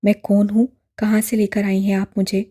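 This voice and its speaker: A woman voicing a distraught young man who pleads and shouts in despair, in an audiobook drama. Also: mid-range voice, completely flat delivery, moderate pace, lightly acted. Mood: desperate.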